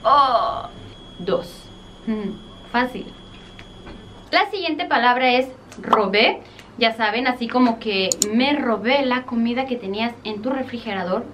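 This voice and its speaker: A playful Mexican woman with a Mexican Spanish accent, her high voice bouncing from explanation to quick acted examples. Faint room ambience sits behind her in an apartment. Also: background noise. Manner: playful, explains words then acts out French example phrases. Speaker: language teacher vlogger. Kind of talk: casual language lesson. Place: apartment without air conditioning.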